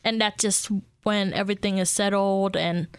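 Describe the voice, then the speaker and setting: A woman's voice: mid-range voice, moderate pace, smooth, no room sound. A young woman from Vietnam with a Vietnamese accent, whose first language is Vietnamese, chatting casually as an interview guest. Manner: chatty, relaxed storytelling with fillers.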